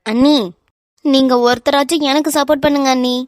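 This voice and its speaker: A woman voicing a cheeky young brother-in-law in an animated romance, whiny and teasing in a Kanyakumari Tamil accent. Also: high voice, brisk, no echo, clean studio sound, natural voice.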